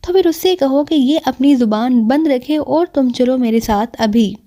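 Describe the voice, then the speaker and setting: A woman's voice: sits high, dark tone, natural voice. Woman voicing Jackie Dada, a bullying male thug. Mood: threatening. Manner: gruff, threatening, bullying. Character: menacing male street thug, hot-tempered and boastful.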